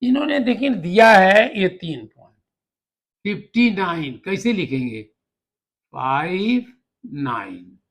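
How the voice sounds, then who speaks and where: High-pitched, slow-speaking male math teacher. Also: very animated. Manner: patient, step-by-step explaining, spelling words out letter by letter. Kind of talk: classroom lesson explanation.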